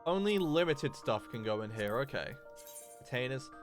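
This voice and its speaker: A young man livestreams a game, chatting casually and rambling with lots of fillers and restarts over game music. His medium-pitched voice is very animated at a normal speed.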